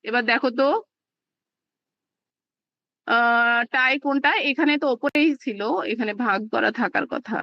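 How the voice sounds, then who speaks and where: A woman's voice: on the high side, measured pace, long pauses, dry recording, lo-fi sound. A woman teaching a live online class, explaining step by step with plenty of fillers. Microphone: video call.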